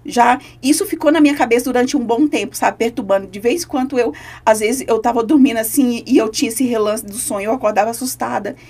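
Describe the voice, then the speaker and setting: A woman's voice: a little high, fast talker, a little mellow, slightly rough. A woman, a podcast guest giving an earnest, emotional personal testimony.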